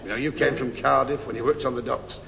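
A comedian giving a stand-up monologue, telling a mock-sentimental story in flowery, overblown phrasing. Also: male voice, mid-range voice, fairly even intonation, fast talker, gravelly. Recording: reverberant live hall, loud noise, audience laughter.

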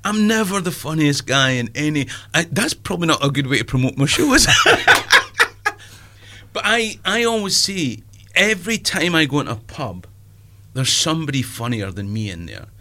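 A Scottish stand-up comedian in his fifties chats in a casual interview, self-deprecating and full of asides. His voice is on the high side, bright and forceful, very animated at a moderate pace.

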